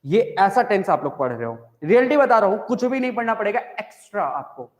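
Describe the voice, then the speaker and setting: High-voiced Indian teacher in echoey room. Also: male voice, very animated, fairly quick. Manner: explains by repeating and asking the class questions. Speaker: English grammar teacher. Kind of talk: live online class in Hindi-English mix. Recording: echoey room with long reverb.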